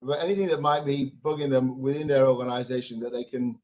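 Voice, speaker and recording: A man's voice: mid-range voice, steady tone, fast. A middle-aged man chairing an informal meeting, hesitant and often repeating his words. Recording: dull lo-fi video call audio.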